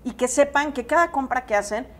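A woman's voice: high-pitched, brisk. A woman in her thirties with a Mexican Spanish accent, an environmental specialist giving an explanatory interview answer on a lapel mic. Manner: explanatory, steady, with some restarts. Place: seated in an expo lounge area.

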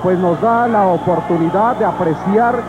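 High-pitched Mexican male wrestling commentator. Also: normal speed. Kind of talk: live wrestling play-by-play commentary. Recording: dull lo-fi old TV broadcast, noisy arena. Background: loud arena ambience.

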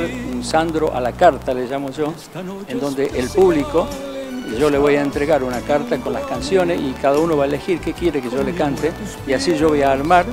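An older man, a singer being interviewed, talking in a casual, hesitant way with many fillers and repeated words, into a handheld mic in a restaurant. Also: fairly high pitch. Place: indoor restaurant, large room. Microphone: handheld mic held by the interviewer.

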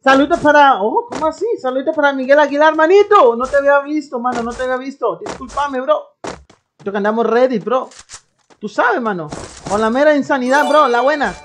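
A woman's voice: sits high, fairly quick, a little hiss or hum. A young woman from Colombia, live-streaming a game and hyping up her chat in slangy banter. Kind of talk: live gameplay commentary.

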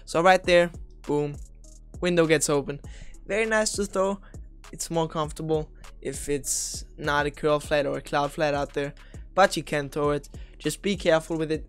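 Smooth-voiced young man breaking down plays. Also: fairly high pitch. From Austria. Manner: chatty and analytical, with offhand jokes. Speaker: video game strategy creator. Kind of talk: casual gameplay tutorial commentary.

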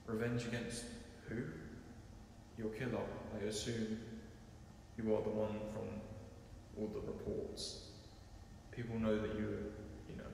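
A man playing an earnest, uneasy paranormal investigator in found-footage horror, speaking haltingly and gently to spirits. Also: lowish voice, vocal fry. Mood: earnest, pleading. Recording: very echoey empty building, noisy ambience.

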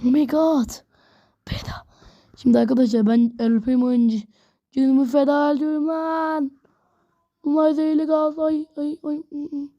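A woman giving excitable, slangy commentary while playing a video game, talking straight to her viewers. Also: high voice, normal speed, highs cut off. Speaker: gameplay video host. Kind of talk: casual gameplay commentary.

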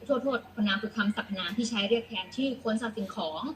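A woman's voice: fairly high pitch, fairly even intonation, quick pace, fairly bright tone, a little hiss or hum, low-quality recording. A woman teacher explaining an English lesson patiently, often repeating herself and spelling out letters one by one.

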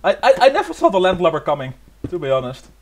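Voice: mid-range voice, very animated, quick pace, slight background noise. A giggly gamer chatting casually over a game and putting on pirate talk, often breaking into laughter. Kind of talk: casual gaming chat with put-on pirate talk. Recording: music playing clearly under the voice.

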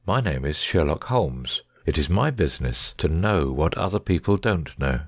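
Audiobook drama: cool Victorian detective male actor, low and expressive voice, unruffled, close dry recording. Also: moderate pace, slightly rough, no echo, heavily acted. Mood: bland, assured. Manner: careless, bland, unruffled. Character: shrewd, self-assured Victorian gentleman detective.

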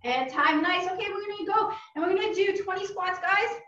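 A woman's voice: very high-pitched, fairly quick, sharp tone. Upbeat woman coaching a home workout. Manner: upbeat, encouraging, calls out cues. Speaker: karate instructor. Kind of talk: coaching a virtual family workout class. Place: home room. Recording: roomy, distant and dull-sounding.

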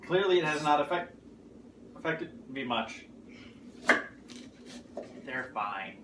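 A man's voice: medium pitch, animated, slow pace. Joking man in an echoey kitchen. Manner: joking, playful. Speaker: show host. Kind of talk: casual cooking show banter. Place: home kitchen, indoors. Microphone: camera across the room. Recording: echoey kitchen from far off, noisy.

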